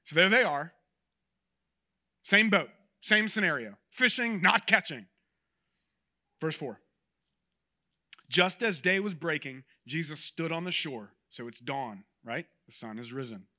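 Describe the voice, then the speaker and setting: Male preacher, sermon delivery, very high and bright voice, chatty and animated with the congregation. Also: measured pace, long pauses. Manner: conversational and animated, addresses the audience directly.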